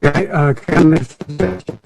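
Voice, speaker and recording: A male planning commissioner on a remote call, his audio buzzing with static and cutting out as he talks in a hesitant, halting way. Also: on the high side, gravelly. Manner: hesitant, halting with many ums. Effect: buzzy, staticky call audio that breaks up. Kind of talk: speaking remotely in a public meeting.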